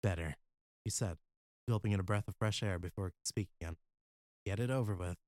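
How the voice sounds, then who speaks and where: A man's voice: deep voice, fairly quick, a little mellow, no room sound, close to an everyday voice. A man voicing a weary, guilt-ridden inventor in an audiobook, speaking in a subdued, earnest way. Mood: strained.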